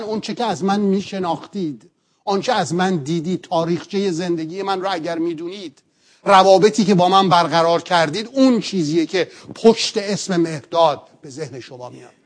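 A man with a fairly high voice teaches a sermon in an earnest, patient way. He explains each point step by step and keeps asking his listeners rhetorical questions. He sounds middle-aged. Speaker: pastor.

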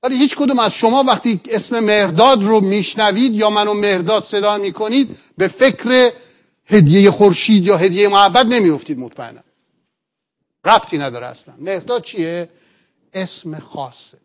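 A middle-aged male pastor with a fairly high voice teaches a sermon earnestly and patiently. He works through each point step by step and keeps posing rhetorical questions to his listeners.

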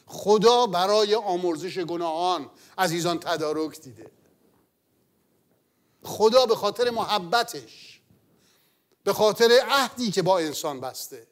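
High-voiced man preaching a sermon. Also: animated, pauses often. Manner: earnest, swells loud then drops to a hush.

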